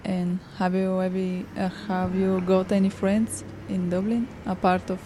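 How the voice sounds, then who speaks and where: A woman with a Bulgarian accent speaking simple, halting learner's English in a practice dialogue. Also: mid-range voice, flat delivery, background noise. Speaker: English course student. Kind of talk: practice dialogue in a language class.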